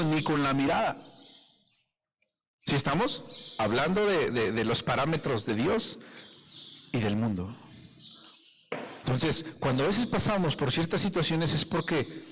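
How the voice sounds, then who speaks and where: A man's voice: mid-range voice, slightly rough, in a large hall, poor audio. A man with a Mexican accent, preaching a live sermon as pastor and putting rhetorical questions to his congregation. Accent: Mexican Spanish.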